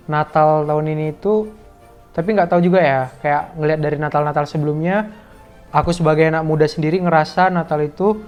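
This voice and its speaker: A man's voice: on the high side, darkish tone, clean tone. A man of about twenty talking casually to camera in a rambling way, with many fillers. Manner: rambling, heavy use of fillers. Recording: slightly dull, muffled recording.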